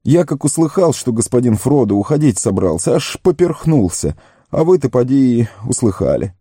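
A timid young gardener played by a man in an audiobook, pleading and fluttery. The voice is pitched up and swings widely. It stays dark and dry. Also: sing-song, moderate pace, husky, no room sound. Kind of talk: audiobook character reading.

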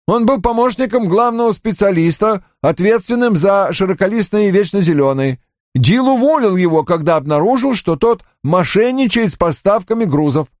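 A man's voice: high-pitched, expressive, normal speed, dry recording, studio quality, pitched above the performer's own voice. A man reading an audiobook, voicing an eager young male assistant who reports in long-winded, overly formal sentences. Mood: earnest. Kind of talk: audiobook character voice.

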